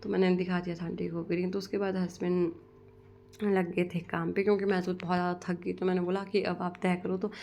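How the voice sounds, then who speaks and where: A woman's voice: on the low side, level tone, a little fast, creaky, warm tone, slight background noise. A young woman, casually narrating her day as a vlogger, rambling from one thing to the next. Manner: rambling, strings lines together with "so guys". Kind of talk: casual vlog voice-over narration.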